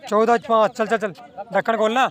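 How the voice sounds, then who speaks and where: His voice is high and level, delivered briskly. As a running coach at an outdoor ground, he announces lap times and repeatedly shouts encouragement for the runners to keep going.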